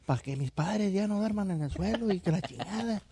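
A brash, eager young countrywoman with a Mexican Spanish accent, put on by a man telling a joke. She squeals in a high, squeaky falsetto with a lively, swooping pitch, and the sound is dry and close. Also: fairly quick, husky, no room sound. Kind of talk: joke telling among friends.

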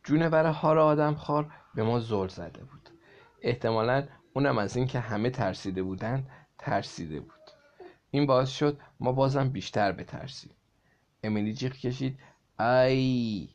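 A man reading a children's story aloud to a child in a lively way, stopping to explain words. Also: medium pitch, lo-fi sound.

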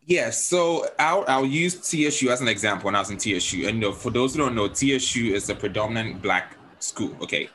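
A chatty man from Africa hosts a casual podcast conversation and keeps checking in with his listeners. His voice is bright and forceful and sits at a middling pitch, with a faint hiss of noise behind him. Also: lively intonation, fairly quick, few pauses, rough recording. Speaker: podcast host.

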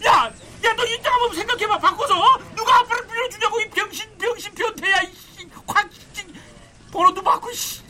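A blustering, lively middle-aged dad. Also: male voice, a little high, slight background noise. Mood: furious. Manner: boastful, grumbling, quick to shout. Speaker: father. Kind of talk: radio drama acting.

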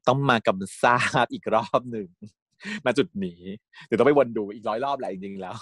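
Gushing animated man, dry close sound. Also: medium pitch, a little fast, dry recording. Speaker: fan recapping a series. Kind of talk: casual chat.

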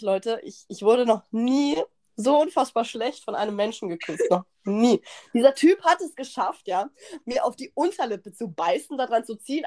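A young woman hosting a podcast, telling a party story in slangy, animated casual chat and acting out what people said. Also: a little high. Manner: animated, slangy, acts out quotes, laughs often. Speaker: podcast host.

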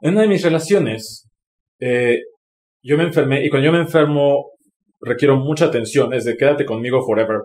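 A man's voice: a little high, moderate pace, darkish tone. A man with a Mexican Spanish accent telling a personal story candidly, with swearing and lots of expression. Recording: roomy echo.

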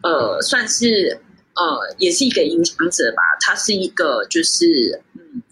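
一位三十多岁、在台湾长大的女侍酒师，通过远程连线接受访谈，说话随意，常笑，停顿和语气词很多。. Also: female voice, fairly low pitch, big pitch swings, unhurried, vocal fry, noisy background. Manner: chatty, laughs often, many fillers. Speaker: guest sommelier. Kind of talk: casual interview over a remote call. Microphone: video call.

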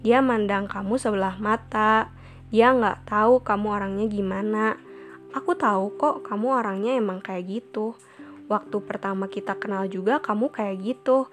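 A teenage girl voicing a calm, frank teenage boy friend who gives honest, reassuring advice. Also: mid-range voice, moderate pace, soft background music, lightly acted.

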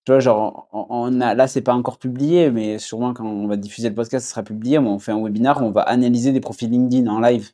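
A young man with a southwest French accent, chatting casually as a podcast guest, relaxed, with many fillers and restarts. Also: medium pitch, fast, hardly any pauses. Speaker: podcast guest, agency founder. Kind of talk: casual conversation.

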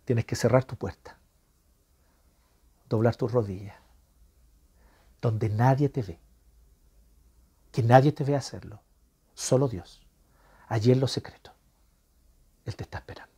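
A man preaching a sermon in a Chilean accent, swinging from loud emphatic lines to hushed, whispered ones. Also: medium pitch, takes it slowly, long pauses, slightly rough.

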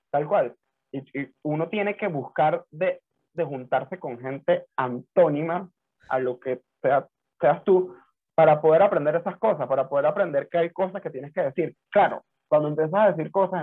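Man guest on a tinny phone line, somewhat high, husky, thoughtful storyteller. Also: normal speed. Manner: reflective, tells personal anecdotes. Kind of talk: casual conversation.

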